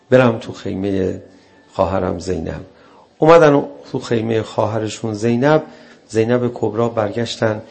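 A man preaching a mourning sermon, telling the story in an impassioned way that swells into loud, tearful cries. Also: on the low side, creaky, slightly rough. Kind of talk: mourning sermon with recited narrative.

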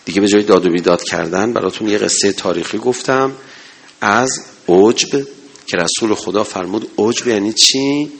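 Gravelly impassioned male preacher. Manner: impassioned, swings between loud exhortation and low murmurs. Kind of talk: religious sermon. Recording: sermon to a live gathering.

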